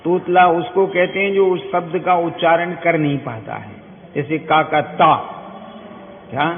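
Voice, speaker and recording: High-voiced man teaching scripture, tinny hall. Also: vocal fry. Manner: keeps asking listeners quick questions; explains by everyday examples. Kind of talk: scripture discourse to listeners. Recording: tinny, echoey hall with faint hiss.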